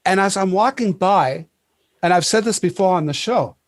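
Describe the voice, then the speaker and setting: A man with a high, light voice tells his stories with excitement, breaking into laughs and restarting his sentences often. The sound is dry and close, with no room around it. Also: moderate pace, no echo. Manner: animated, laughing storyteller with many restarts. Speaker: podcast host. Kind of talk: casual storytelling chat.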